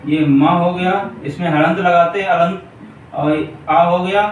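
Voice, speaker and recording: A man's voice: high-pitched, steady tone, unhurried. A man teaching a Hindi grammar class for exam preparation, repeating points and checking in with his students often. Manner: repetitive, keeps checking in with the class. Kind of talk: exam-prep grammar lesson at a board. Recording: echoey room, distant mic, faint hiss.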